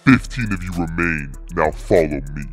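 A man voicing a sly, conspiring masked guard with quiet menace in a scripted game parody skit. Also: sits low, animated, normal speed, over loud music. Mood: sly, menacing.

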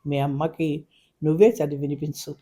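A man voicing an anxious, tender middle-aged father in a storybook reading, speaking in a hushed, hesitant way. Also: fairly high pitch, level tone, normal speed, husky.

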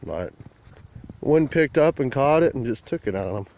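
Walking across a burnt field outdoors, a man vlogs on a handheld phone camera, rambling in a plain, rural way. His mid-range voice is animated and darkish in tone, at a normal pace. The sound is lo-fi.

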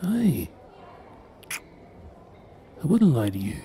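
Sweet-talking boyfriend, very lively pitch acted by a man. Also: drawn-out words, a little hiss or hum, heavily acted. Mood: tender, coaxing. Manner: sweet-talking, coaxing endearments. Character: affectionate, impatient young Celtic boyfriend, sweet-toothed and exasperated. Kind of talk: boyfriend audio role-play, addressed to the listener.

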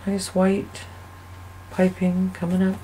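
A woman hosting a soap-making channel, giving a casual, chatty voice-over that rambles and thinks out loud as she goes. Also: on the low side, completely flat delivery, slow pace, slight background noise, low-quality recording. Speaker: soap maker and channel host. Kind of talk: casual voice-over narration of a craft video.

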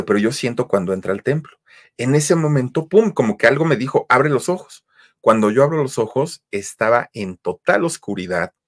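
A man retelling a listener's true horror story as host, with dramatic leaps of pitch on key words and many fillers.

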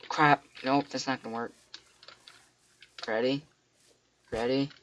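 A teenage boy with a cracking voice, rambling excitedly to himself as he plays a computer game. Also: medium pitch, takes it slowly, slight background noise, poor audio. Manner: excitable, rambling, talks to himself while playing. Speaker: gamer. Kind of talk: casual game commentary. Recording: loud keyboard clicks and typing.

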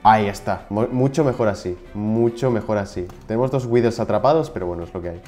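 A young man with a Spain Spanish accent giving casual, excitable commentary while playing a video game, now and then shouting at it in frustration. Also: on the low side, quick pace, soft background music. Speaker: gaming YouTuber.

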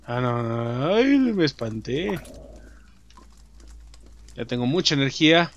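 A young adult man with a Mexican accent, commenting on his own gameplay in slangy, swearing chatter, shouting and taunting enemies. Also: mid-range voice, big pitch swings, slow, lo-fi sound. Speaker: gameplay streamer. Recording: music playing behind the voice.

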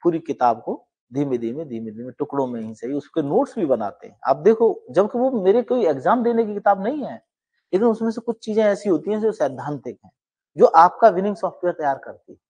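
A middle-aged man coaching law exam students with an earnest, emphatic motivational talk that swings between emphatic rises and quiet asides. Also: a little high, lively intonation, brisk, slightly rough.

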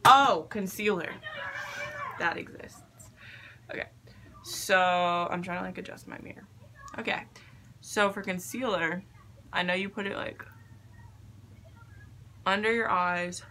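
A young woman vlogging casually, halting and unsure of herself, with a self-deprecating way of talking. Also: fairly low pitch, fairly even intonation, bright, forceful tone. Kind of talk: casual makeup vlog chat. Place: attic bedroom, indoors. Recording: faint background noise, room ambience.

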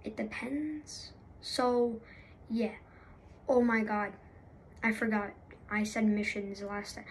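A woman's voice: on the high side, steady tone, takes it slowly, pauses often, a little hiss or hum, rough recording. Rambling, apologetic young woman gamer. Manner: rambling, apologetic, many fillers and restarts. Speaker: gaming YouTuber. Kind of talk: unscripted casual commentary.

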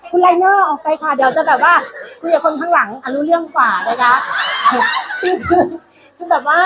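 High-voiced woman emceeing a crowd. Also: a bit bright. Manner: playful, teasing, often laughing and calling out. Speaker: coach hosting a live stage event. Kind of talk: lively stage emceeing. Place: large event hall with an audience. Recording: echoey hall with crowd noise.

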